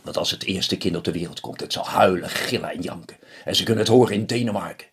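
A man voicing an old little male ceremony master who tells fortunes, in a low hushed whispery voice. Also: fast talker, husky. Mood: ominous.

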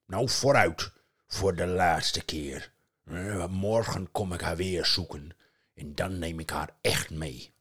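A man voicing a brutish, gruff male mountain troll who talks loudly in broken grammar. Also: sits low, slow pace, heavily acted. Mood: gruff boastful. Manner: loud, bellowing, broken grammar.

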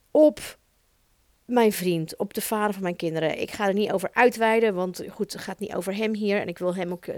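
A woman in her thirties with a Dutch accent, hosting her own podcast and talking in an expressive, emphatic way. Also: medium pitch, no echo. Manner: intense, expressive, emphatic with swearing. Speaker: podcast host. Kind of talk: solo podcast monologue.

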